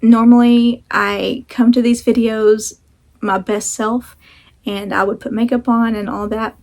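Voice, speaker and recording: A woman with a fairly high voice chats casually to camera as a vlog host. She talks with a sore jaw, her mouth a little restricted, and rambles in an apologetic, self-deprecating way. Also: little pitch movement, measured pace, a little mellow.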